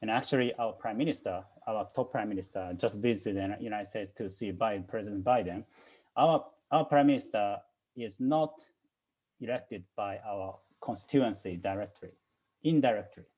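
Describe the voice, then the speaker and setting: A man's voice: lowish voice, moderate pace, darkish tone, husky, poor audio. A man from Japan, speaking English as a guest lecturer and leaning on "you know" fillers between points. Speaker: guest speaker, China scholar. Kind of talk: lecture-style talk.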